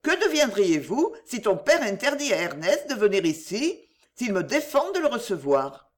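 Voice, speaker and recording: A woman reading a storybook and voicing a cautious, tender mother who speaks gently but firmly. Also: medium pitch, big pitch swings, normal speed, natural voice.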